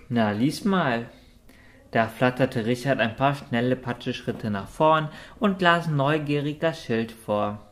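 A man narrating a children's storybook audiobook. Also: mid-range voice. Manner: lively character voicing.

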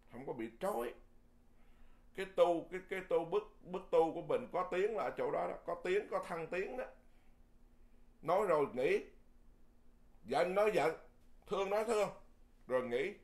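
A man who is a Buddhist monk, giving a Dharma sermon in a lively, folksy way, often repeating words and chuckling. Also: fairly high pitch, moderate pace, pauses often.

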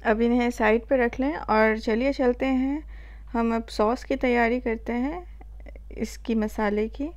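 Indian woman, cooking channel host, high mellow voice, calm step-by-step voice-over. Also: lo-fi sound. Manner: calm step-by-step instructions with filler pauses.

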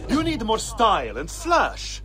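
An actor playing a jaded, mocking gladiator arena master in a video game, with a coarse, theatrical manner. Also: male voice, high voice, huge pitch swings, a little slow, pushed and bright, soft background music, full character voice. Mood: gruff, commanding.

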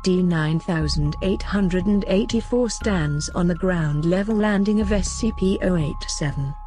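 Mellow, clinical female narrator. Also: lowish voice, a little slow, faint music behind. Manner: steady, clinical reading. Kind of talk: scripted narration of a report.

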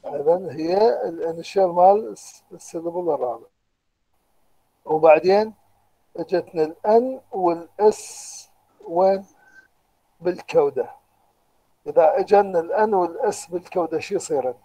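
An Iraqi man with a high voice, teaching an online university class. His tone is very dark and mellow. He explains patiently, step by step, and keeps checking in with rhetorical questions. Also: normal speed, pauses often, rough recording. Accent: Iraqi Arabic. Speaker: lecturer. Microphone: computer microphone, online lecture.

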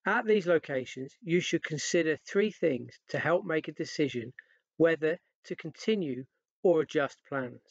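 A man reading scripted instructional voice-over in an even, read-out manner. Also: on the high side, normal speed, creaky, no echo, muffled recording. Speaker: narrator.

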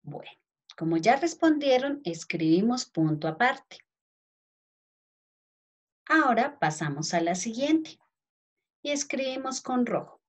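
Her voice is a little high and sing-song, and she takes things slowly with long pauses. She's a primary school teacher with a Colombian Spanish accent, dictating to young children word by word, spelling letters, and affectionately calling out to her pupils.

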